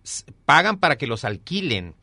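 A middle-aged man with a Mexican accent, a mayoral candidate and former newspaper columnist, answers interview questions in a campaign pitch. His voice is a little high, very animated and sharp, at a moderate pace, and he repeats key phrases emphatically for weight. There's no room sound.

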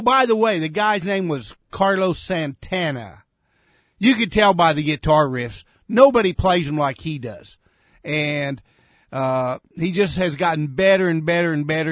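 A man hosts a casual radio show in a bright, high voice. He rambles warmly through announcements with plenty of fillers. The sound is dry and close, as in a small studio. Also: no echo. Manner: rambling, friendly, many fillers.

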